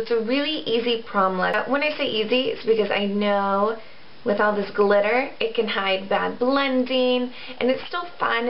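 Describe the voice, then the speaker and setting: Recorded on a camera mic in a small room at home, a woman in her twenties, a beauty vlogger, runs through a casual makeup tutorial in a chatty, informal way. Her pitch is medium, and the sound is lo-fi with some slight hiss or hum.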